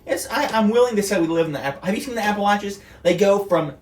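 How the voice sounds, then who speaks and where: A young man hosting a casual podcast, cracking deadpan dark jokes. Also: sits high, fast talker. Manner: joking, deadpan dark humor. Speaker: podcast host. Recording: echoey room, distant from mic.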